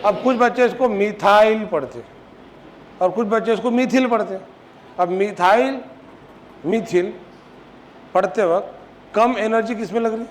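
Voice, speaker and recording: A man teaches a chemistry class, pitching his voice high as he fires question after question at his students. He scolds them when they are slow to answer. The classroom recording carries a steady layer of noise. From Maharashtra, India. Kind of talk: classroom lecture.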